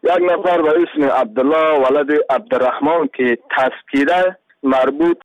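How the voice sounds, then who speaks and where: A man from Afghanistan reading a formal announcement over a radio phone line, haltingly and repeating his phrases. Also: a little high, dry recording. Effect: heard over a radio phone-in line. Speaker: caller to a radio missing-persons program. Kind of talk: reading out a missing-person announcement.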